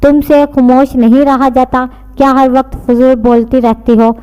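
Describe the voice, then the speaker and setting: A woman's voice: high-pitched, little pitch movement, normal speed, dark tone, smooth, dull audio, lightly acted. A woman reading the lines of a curt, easily irritated young man in a scolding tone. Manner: stern, scolding. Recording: long reverb.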